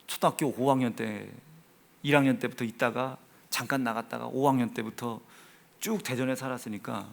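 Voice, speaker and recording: A man with a Chungcheong Korean accent preaching a sermon in a church, swinging from hushed asides to loud, emphatic exhortation. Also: medium pitch, gravelly. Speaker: pastor. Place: church sanctuary.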